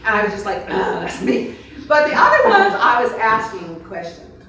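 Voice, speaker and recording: Her voice is fairly high and bright, with a forceful tone and pitch that swoops wildly, at a normal speed. This woman author wanders casually through audience questions in a reception room, speaking in fragmented, off-the-cuff phrases, heard from far off in an echoey space.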